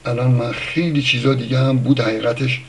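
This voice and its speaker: A man giving an informal spoken lesson on word origins. He thinks aloud, pauses often, corrects himself, and lifts his voice for examples. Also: medium pitch, fairly even intonation. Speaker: language teacher.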